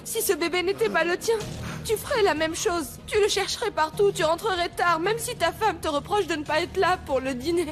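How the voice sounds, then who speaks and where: A tender, devoted wife. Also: female voice, very high-pitched, brisk, faint music behind. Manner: tender and soothing. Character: loving, devoted young wife. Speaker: wife comforting her husband. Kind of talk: dubbed telenovela acting.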